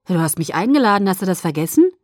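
A woman's voice: on the low side, very animated, fast, no echo, studio quality. A woman reading the part of a teenage werewolf boy in a novel, teasing at first, then muttering and sarcastic.

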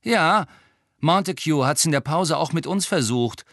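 A man's voice: a little high, expressive, measured pace, fairly bright tone, dry recording, studio quality, pitched above the performer's own voice. A man voicing a mischievous teenage boy prankster in an audiobook. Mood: cheeky.

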